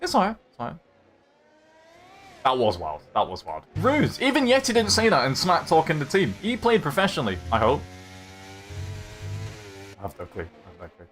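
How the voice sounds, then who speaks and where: A man's voice: on the high side, huge pitch swings, moderate pace, long pauses, a bit bright, faint music behind. A young man hosting a live-streamed racing league, commenting on strategy and teasing his chat in a jokey, chatty way.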